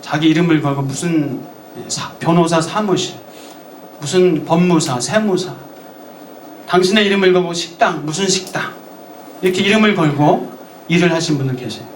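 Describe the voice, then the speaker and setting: Korean pastor preaching in an echoey church. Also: male voice, on the high side, moderate pace, distant mic, a little hiss or hum. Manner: acts out quoted lines, asks the congregation questions. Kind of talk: sermon. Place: church sanctuary.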